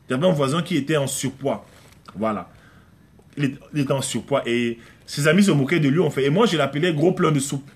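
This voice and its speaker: A man preaching a conversational sermon at home, emphatic and repetitive, often acting out prayers and little dialogues. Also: on the high side. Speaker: pastor. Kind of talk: conversational live-streamed sermon.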